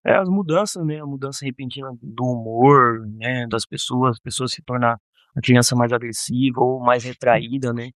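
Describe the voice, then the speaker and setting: A man, a counselor on a podcast, explaining in a measured way with frequent tag questions. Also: medium pitch, fairly bright tone, no echo, studio quality. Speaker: guardianship counselor. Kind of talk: podcast interview.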